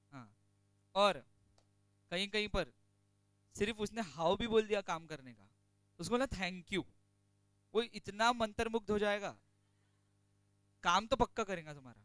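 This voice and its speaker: A man teaches a class in a bright, high, crisp voice. He chats and jokes between points, then slows right down to dictate notes. The sound is close and dry. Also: no room sound. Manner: chatty, joking asides, dictates slowly from notes. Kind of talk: classroom lecture on company law.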